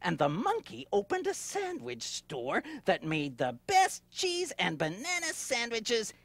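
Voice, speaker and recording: A woman's voice: a little high, huge pitch swings, measured pace, fairly bright tone, dry recording. A woman co-hosting a children's show and telling a story, chatty with small stammers.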